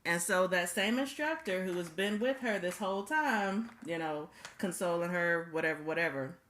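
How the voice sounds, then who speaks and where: A woman's voice: on the low side, normal speed, a bit bright, slight background noise. A woman vlogger telling a personal story straight to her viewers, casual and emphatic, repeating key phrases for effect. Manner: talks straight to the audience.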